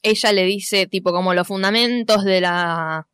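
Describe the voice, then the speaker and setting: A young woman with an Argentine accent, recapping a film in casual chat, telling it in an animated way and acting out the quotes. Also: mid-range voice, unhurried, smooth, no room sound. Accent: Argentine Spanish. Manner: animated storytelling, acts out quotes, swears casually.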